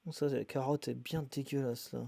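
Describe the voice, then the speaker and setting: A man live-streaming as he sorts his isopod boxes, muttering asides with quick bursts of excitement. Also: mid-range voice, vocal fry, no echo. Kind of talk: casual live-stream chat while handling animals.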